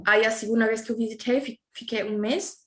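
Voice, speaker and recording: Speaking a later-learned language, this interview guest from Germany, a native German speaker, keeps the chat casual in a steady, slightly high voice that runs a little fast. She pauses to hunt for words and uses many fillers, and her surroundings echo.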